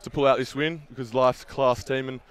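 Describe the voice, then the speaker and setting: A man's voice: mid-range voice, steady tone, a little fast, clean tone. A young man, a team captain, giving earnest post-match interview answers on an outdoor field through a headset. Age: young adult.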